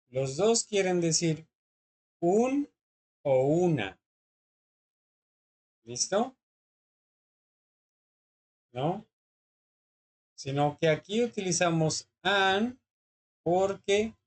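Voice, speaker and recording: A teacher, patiently explaining English grammar in class and often checking that students follow. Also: medium pitch. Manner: patient, often checks understanding with short questions.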